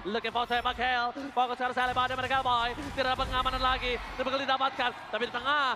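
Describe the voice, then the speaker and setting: An Indonesian man shoutcasting esports in a fighting game announcer style, with excitable, dramatic play-by-play and English gaming phrases mixed in. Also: extremely high pitch, rapid-fire, background noise.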